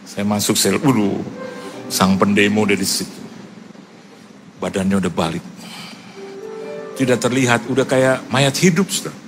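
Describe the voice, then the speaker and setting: A male pastor telling stories in a humorous sermon, in a casual, lively way, acting out other people's voices. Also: on the low side, moderate pace, long pauses, music in the background. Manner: lively, acts out quoted voices; casual colloquial speech with fillers.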